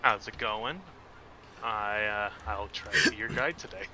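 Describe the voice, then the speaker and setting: A man's voice: fairly low pitch, unhurried, bright, forceful tone, a little hiss or hum. A man voicing a polite, hesitant minotaur hunter and guide in a tabletop game. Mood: polite, cautious. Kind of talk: tabletop role-play.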